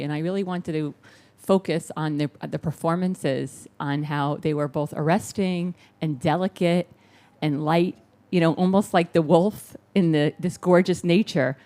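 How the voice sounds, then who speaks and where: A woman's voice: sits low, dark tone. A woman audience member making admiring comments and asking a question at a press conference.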